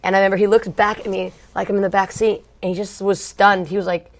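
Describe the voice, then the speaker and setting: A young woman from Long Beach, California, who sings in a punk band, recounts her musical past as a guest in a relaxed storytelling interview. She talks quickly in a mid-range voice, loose and chatty with plenty of fillers and slang. Blunt by nature, she swears casually without a second thought.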